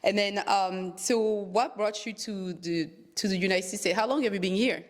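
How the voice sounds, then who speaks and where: A woman's voice: mid-range voice, normal speed. A woman hosting a casual interview in a home, friendly and enthusiastic, asking questions and paying compliments. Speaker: interviewer host. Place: a client's home.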